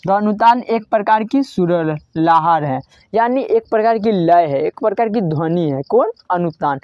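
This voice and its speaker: Woman teacher repeating q and a drills, mid pitch, muffled dry lo-fi audio. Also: no echo. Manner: drilling students with repeated questions and answers. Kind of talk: grammar lesson. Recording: dull dry lo-fi recording.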